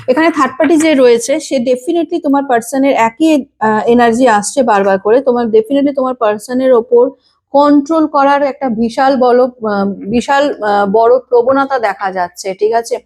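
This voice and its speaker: A woman with a sore throat giving a tarot reading, halting and often clearing her throat between phrases. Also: high voice, a little mellow. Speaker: tarot reader.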